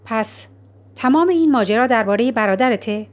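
A woman voicing a calm, firm older librarian in an audiobook, speaking quietly and in a measured, gently stern way. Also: fairly high pitch, natural voice. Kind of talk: audiobook character reading.

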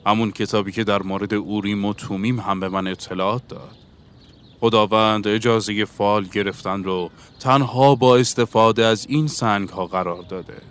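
A man's voice: on the low side, steady tone, clear, resonant tone, close to an everyday voice. A man reading the part of a bookish Englishman, earnest and lecturing, in an audiobook. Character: bookish Englishman seeking a universal language.

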